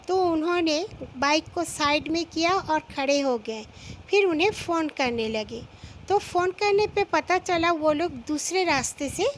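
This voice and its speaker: A woman narrating a listener's ghost story in an unhurried storytelling manner, acting out short quoted lines as she goes. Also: high-pitched, a little hiss or hum, rough recording.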